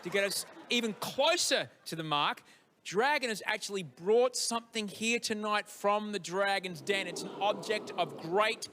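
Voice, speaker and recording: A man's voice: sits high, moderate pace, sharp tone, slight background noise. A man hosting a TV singing show, upbeat and announcing. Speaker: show host. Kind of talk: TV host patter.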